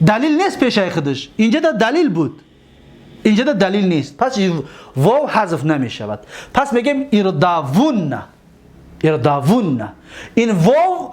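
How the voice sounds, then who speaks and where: A man with a Tajik accent teaching an Arabic grammar lesson. He drills verb forms, stretching out word endings, and keeps checking that his students are following. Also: high-pitched.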